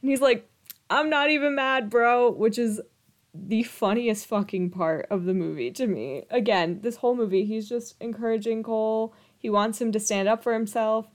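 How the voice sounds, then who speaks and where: A woman's voice: a little high, normal speed, a little mellow. A woman co-hosting a casual film podcast, talking candidly with some swearing and frequent laughs. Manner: candid, profane, laughs often. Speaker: podcast co-host.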